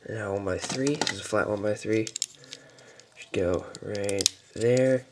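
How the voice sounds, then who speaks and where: A man with a very deep voice talks through a build step by step, pausing and muttering as he goes. It is recorded on a camera mic at a home table. A clear hiss of background noise sits under his voice. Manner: relaxed, halting, lots of fillers and mild mutters. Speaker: toy building tutorial maker. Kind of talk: casual step-by-step build instructions. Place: indoors at a table.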